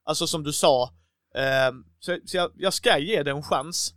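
A man's voice: fairly high pitch, no echo, studio quality. A man in a casual chat, talking enthusiastically and acting out little quotes as he goes. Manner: enthusiastic, animated, quotes himself and others in little acted bits. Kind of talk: casual chat about TV series.

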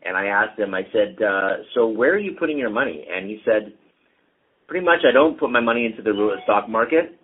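The voice is lowish and a little fast, with a breathy edge: a middle-aged Canadian man who works as a real estate executive. He's relaxed in this casual interview, filling it with ums and uhs, and the recording sounds tinny, like a phone line.

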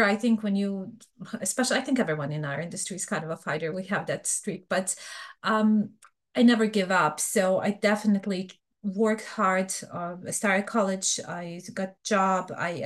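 A middle-aged woman from Bosnia with a Bosnian accent, speaking frankly and chattily as an interview guest. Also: medium pitch. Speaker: guest, fraud professional. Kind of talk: casual interview talk.

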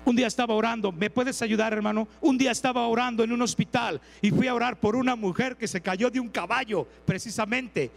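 A man's voice: very high-pitched, steady tone, a little fast, creaky, hardly any pauses, in a large hall, rough recording. A man with a Mexican accent preaching a sermon, telling stories, acting out characters and asking the congregation questions. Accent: Mexican Spanish. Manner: storytelling, acts out characters, asks the congregation questions.

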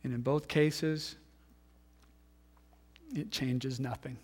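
A man in his thirties, a pastor giving a sermon, telling a story and acting out the voices in it, then dropping to hushed tones. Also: mid-range voice, steady tone, takes it slowly. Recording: long hall reverb.

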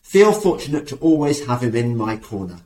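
An English podcast host with a lively voice that swings up and down a lot. He jokes and teases as he talks. The sound rings around a roomy, echoey space. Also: medium pitch, brisk. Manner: lively, jokey, sarcastic. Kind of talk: casual chat and read advert. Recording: roomy echo.

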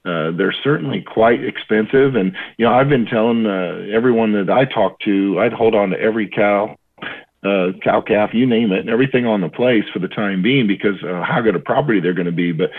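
A man calls in over a tinny phone line, his very low voice squeezed thin by the connection. He talks through market commentary in a loose, rambling way, full of fillers and restarts. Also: fairly quick, breathy edge. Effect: heard over the phone. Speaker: market analyst guest.

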